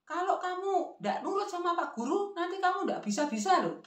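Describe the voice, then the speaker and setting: A woman voicing a scolding old grandmother with a shrill Javanese-accented voice. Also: big pitch swings, moderate pace. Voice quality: shrill, nagging. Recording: roomy echo.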